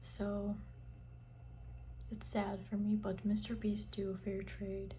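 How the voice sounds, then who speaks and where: A young woman whispers right up against the ear in a soft, dark-toned ASMR style. Her chat is informal and rambling, breathy and intimate. A light ambient noise sits behind the voice. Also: mid-range voice, monotone, takes it slowly. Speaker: ASMR content creator.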